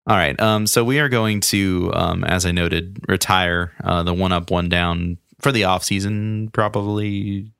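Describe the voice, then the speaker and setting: A man's voice: low voice, steady tone, unhurried, gravelly, few pauses, fairly bright tone, smooth, no echo, studio quality. A man hosting a casual sports podcast, talking in a loose, rambling way that runs segments as he goes. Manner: loose, rambling, many fillers and restarts. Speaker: podcast host.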